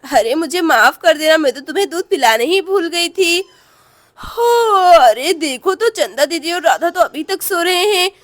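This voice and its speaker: A woman's voice: very high voice, lively intonation, normal speed, few pauses. A woman voicing a tired young village mother in a doll story, talking in a sleepy, pleading way.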